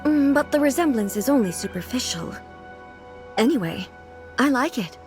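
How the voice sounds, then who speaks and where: Regal female ruler for a video game: high, expressive pitch, formal, measured, innocently curious. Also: faint music behind. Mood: curious, composed. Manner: formal, measured, thoughtful phrasing. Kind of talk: English video game voice acting.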